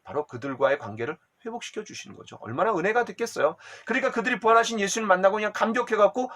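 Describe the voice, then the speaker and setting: A middle-aged man, a pastor, teaching a church discipleship class in an animated way, often asking the listeners questions. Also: high voice, rapid-fire.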